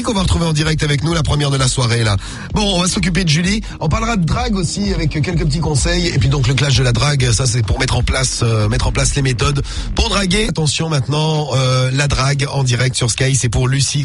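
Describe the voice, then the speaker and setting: A man's voice: medium pitch, fast talker. A man hosting live talk radio with bantering delivery, speaking through a nose blocked by a cold. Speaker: radio host. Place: radio studio. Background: music bed.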